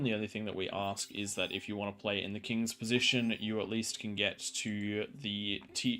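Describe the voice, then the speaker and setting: A man with a fairly low voice hosts a game livestream. He explains and chats casually, often stopping to rephrase. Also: fairly bright tone. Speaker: stream host, commentator.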